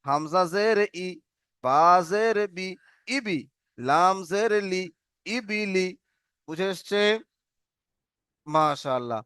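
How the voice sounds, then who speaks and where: High-voiced man drilling Arabic letters. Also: lively intonation, fairly bright tone, smooth, no echo, clean studio sound. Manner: slow drilling spelling, call and response. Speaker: Quran reading teacher. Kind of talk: online Arabic reading lesson.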